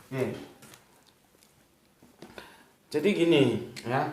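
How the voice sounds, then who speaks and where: A man gives a casual religious lesson, talking straight to his listeners and checking that they follow along. His voice sits a little high for a man. The room around him is echoey. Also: very slow, noisy background. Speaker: religious teacher. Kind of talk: informal religious lecture.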